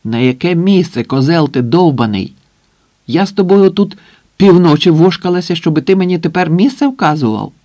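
Male narrator doing a furious young woman hostage, shrill and scolding, dry close recording. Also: expressive, normal speed, mellow, dry recording.

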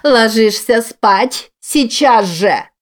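A woman voicing a desperate young mother who shouts at her daughter and then begs her, read as an audiobook character. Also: on the low side, steady tone, unhurried. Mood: shouting.

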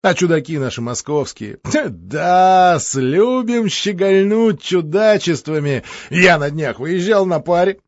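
A man voicing a boisterous, boastful middle-aged count in an audiobook, talking loudly with laughter in his voice. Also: sits high, lively intonation, unhurried, no echo, dull audio, pitched above the performer's own voice. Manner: loud, laughing, bragging. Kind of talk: audiobook character voice.

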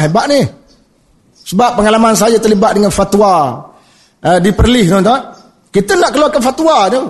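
Lively high-voiced Malaysian man lecturing. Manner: lively, jokey, addresses audience as tuan-tuan. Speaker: religious lecturer. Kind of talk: religious lecture to an audience.

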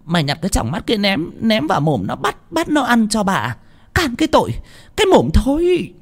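Guy putting on a nasty old lady boss, high and shrill, barks orders and swings up and down. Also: huge pitch swings, moderate pace, exaggerated voice. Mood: vicious. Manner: spiteful, barking orders. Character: cruel shrill old mistress of the house, female.

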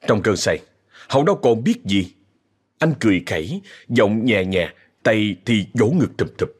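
A man narrating a ghost story in a dramatic, expressive way. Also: fairly low pitch, normal speed, husky.

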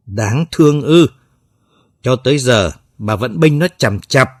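A man voicing a furious middle-aged father, shouting bitter accusations at his wife. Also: mid-range voice, expressive, takes it slowly, dry recording, clean studio sound.

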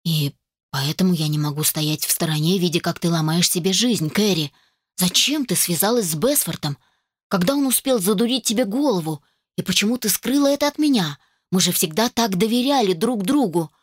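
A woman's voice: on the low side, a little fast, no echo, studio quality, lightly acted. A woman reading a novel aloud, voicing a young man who bitterly accuses an old friend in a reproachful, intense way. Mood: earnest.

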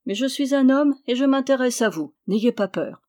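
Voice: sits high, lively intonation, normal speed, mellow, voice pushed up. A reader voicing an impudent, mocking male dwarf jester in an audiobook, cheeky and teasing, speaking in riddles. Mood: sly. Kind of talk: audiobook character reading.

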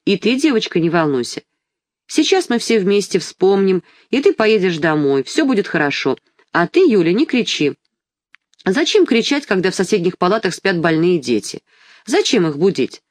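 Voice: medium pitch, very animated, moderate pace, dry recording, lightly acted. A reader voicing a pushy, crooked male doctor who gives curt orders. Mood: coaxing. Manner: curt, commanding.

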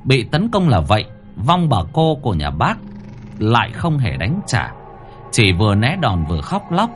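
A man narrating a horror story in a dramatic, highly expressive manner. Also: moderate pace, faint music behind. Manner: highly expressive, rising to cries.

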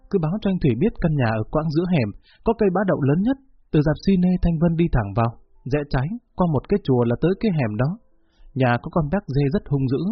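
Sick, resolute young woman in a storybook, voiced by a husky male reader, dull lo-fi sound. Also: a little high. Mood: feverish. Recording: dull lo-fi recording with faint music.

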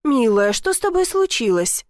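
A woman's voice: high voice, lively intonation, a little slow, no echo, studio quality, pitched above the performer's own voice. A woman voicing a kind middle-aged mother in an audiobook, affectionate and concerned. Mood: fussing.

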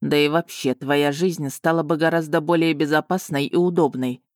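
A woman's voice: sits low, fairly even intonation, moderate pace, no echo, clean studio sound, close to an everyday voice. A woman reading an audiobook voices a stern, commanding male dragon with a curt, clipped manner. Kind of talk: audiobook character voicing.

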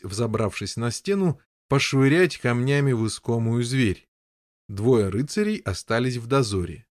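A man narrating a story in an even, storytelling delivery. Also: medium pitch, no room sound, clean studio sound. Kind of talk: audiobook narration.

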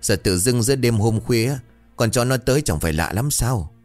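A man voicing a frightened older village wife who begs and trembles in a shrill voice. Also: animated, moderate pace, a little mellow, faint music behind, lightly acted. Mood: terrified.

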